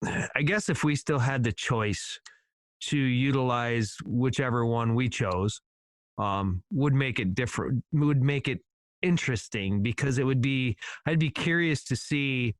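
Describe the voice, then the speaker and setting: A man's voice: mid-range voice, measured pace, no room sound. A male podcast host chatting in a loose, rambling way and agreeing easily with his guest. His voice sits in an ordinary middle register. The recording is dry and close, with no room sound. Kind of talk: casual podcast conversation.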